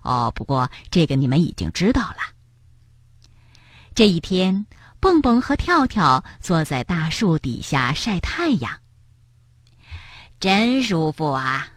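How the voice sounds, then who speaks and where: A woman reading a picture book aloud to children in a gentle, expressive storytelling manner. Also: on the low side, unhurried, slightly rough, no echo, studio quality.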